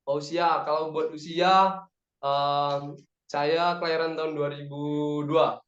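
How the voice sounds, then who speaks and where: A young man in his twenties from Padang speaks as a relaxed, talkative guest in an online meeting, cheering his listeners on. His voice sits a little high. The call audio is roomy and echoey, with a dull, lo-fi sound. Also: slow. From Padang, West Sumatra, Indonesia. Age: 20s. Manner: relaxed, chatty, rallying the audience. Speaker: guest speaker, aviation cadet. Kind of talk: casual talk in an online meeting.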